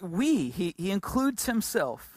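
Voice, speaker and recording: A woman teaching a Bible passage in English, pausing for an interpreter, with many fillers and restarts. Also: medium pitch, sing-song, darkish tone, husky, dry recording, clean studio sound. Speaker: preacher.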